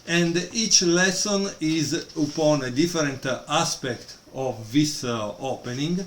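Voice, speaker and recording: A hesitant man with a fairly high, slow voice reviews a book in a casual video, filling his speech with lots of fillers. He's in a room at home while a storm rages outside, and the echoey recording carries faint noise.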